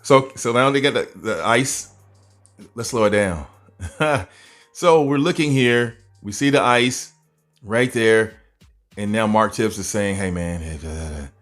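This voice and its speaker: A man commentating over a boxing video in an animated way, full of rhetorical questions and chuckling asides. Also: medium pitch, slow pace, pauses often, faint music behind.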